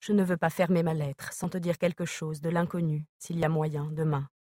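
A woman reading a novel aloud as narrator, in a measured, even manner. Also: low-pitched, no echo, studio quality. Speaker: audiobook narrator.

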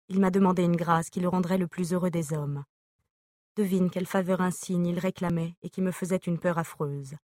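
Low-voiced woman reading letters aloud. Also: dark tone, no room sound, studio quality. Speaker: audiobook reader. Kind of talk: reading an epistolary novel aloud.

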